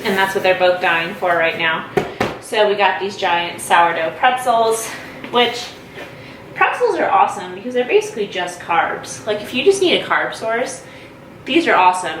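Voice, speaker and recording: A woman's voice: mid-range voice, fairly bright tone, a little hiss or hum. A young pregnant woman chatting casually and upbeat as a vlogger at home, with lots of fillers and asides. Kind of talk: casual haul vlog chat.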